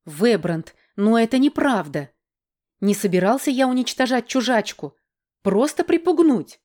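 A woman's voice: sing-song, takes it slowly. A woman doing a whiny, spiteful young prince. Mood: pleading. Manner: whining, pleading, raised pitch. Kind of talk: audiobook character voice.

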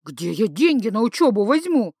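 A woman's voice: on the high side, big pitch swings, moderate pace, dark tone, slightly rough, no echo, studio quality, exaggerated voice. A woman voicing a cheeky, pushy young male student who wheedles and persuades.

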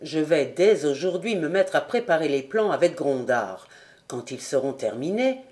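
A woman reading the part of a kindly older male factory director in an audiobook, speaking in a calm, paternal and reassuring way. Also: low-pitched, moderate pace, pitched below the performer's own voice. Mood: fatherly. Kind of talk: audiobook character voice.

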